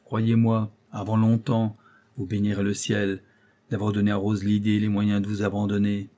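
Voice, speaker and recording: A man's voice: fairly low pitch, completely flat delivery, moderate pace, warm tone, natural voice. A man reading an audiobook, voicing a scheming aging job broker who talks in a coaxing, lecturing, ironic way. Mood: paternal. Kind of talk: audiobook character voice.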